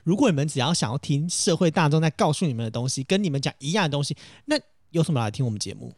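A man's voice: fairly high pitch, lively intonation, rapid-fire, no echo, studio quality. A man co-hosting a podcast, animatedly telling stories in casual chat and acting out the phone calls he retells. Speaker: podcast co-host.

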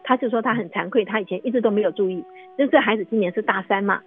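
A woman's voice: mid-range voice, racing, slightly rough, faint music behind. A woman with a Taiwanese Mandarin accent hosting a radio discussion, telling anecdotes in an emphatic, explanatory way with frequent tag questions. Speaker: radio show host and commentator. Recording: thin phone-like radio sound, roomy echo.

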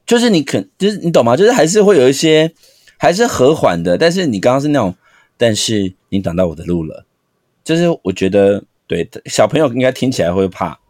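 A man chats and teases on a podcast, acting out lines as he goes. His pitch moves widely. The sound is dry and close. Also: fast, no echo. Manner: animated, acts out lines to tease. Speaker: podcast co-host who teaches students. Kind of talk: casual chat.

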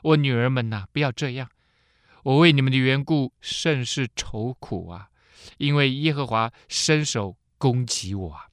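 A man voicing a grieving elderly widow who pleads slowly and sorrowfully with her daughters-in-law. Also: medium pitch, no echo, studio quality, natural voice. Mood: sorrowful pleading.

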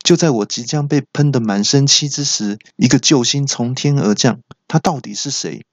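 A man hosting a comedy podcast, telling a comic story in an animated, playful way and stammering for effect. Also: medium pitch, normal speed, dry recording, lo-fi sound. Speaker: podcast host.

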